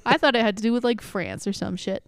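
Smooth-voiced young woman, rambling podcast chat. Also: fairly high pitch, fast, no room sound. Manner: rambling, lots of "like" and fillers, swears casually. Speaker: podcast co-host. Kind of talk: casual history chat.

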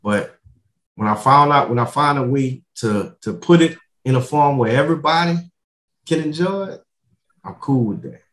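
A man's voice: medium pitch, expressive, moderate pace, fairly bright tone, reverberant. A man chatting casually in street slang, circling back over his words and often adding bro, man and you know. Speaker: comedian, podcast guest.

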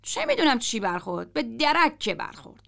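Woman reading a gruff cursing man, blunt grumbling, storybook, gravelly, fairly high. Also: huge pitch swings, fairly bright tone, full character voice. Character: gruff foul-mouthed grown male driver.

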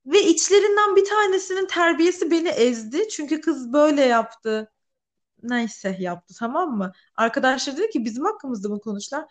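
A woman's voice: high voice, expressive, moderate pace. Chatty young woman recounting an anecdote. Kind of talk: casual chat.

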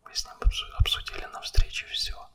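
A man speaking an ASMR monologue straight to the listener in a breathy, unvoiced whisper, right in the ear and close to the mic, with blunt wording. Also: a little fast, sharp tone. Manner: blunt, coarse language.

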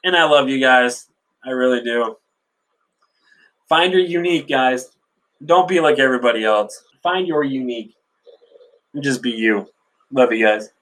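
A man's voice: medium pitch, normal speed, long pauses, fairly bright tone. A man hosting a casual solo podcast, crude and profane, laughing often as he tells stories and jokes. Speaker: podcast host. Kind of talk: casual solo chat and joke-telling.

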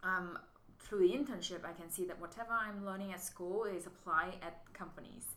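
With a lowish, fairly bright voice at a moderate pace, a woman from Vietnam answers casual interview questions as an MBA student guest. She comes across as thoughtful, restarting often and phrasing her English in a non-native way, in an echoey room with faint noise.

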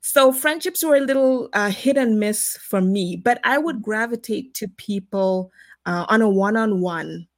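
A woman's voice: mid-range voice, measured pace, dry recording, studio quality. A woman from Zimbabwe co-hosting a podcast, chatting casually and thoughtfully with some hesitant fillers. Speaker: podcast co-host.

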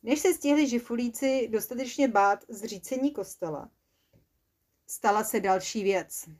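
A woman narrating a children's story in a lively, playful way. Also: on the high side.

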